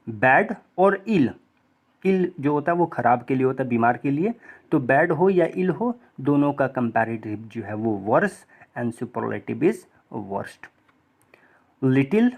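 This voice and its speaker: A man's voice: medium pitch, gravelly. A man teaching a grammar lesson, switching between English and Hindi, spelling out letters and asking the class questions.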